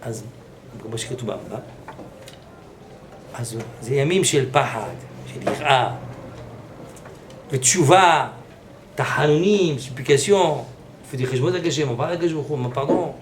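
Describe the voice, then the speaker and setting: Animated rabbi preaching in an echoey hall. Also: male voice, on the high side. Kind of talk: sermon. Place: synagogue study hall. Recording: echoey room with background noise.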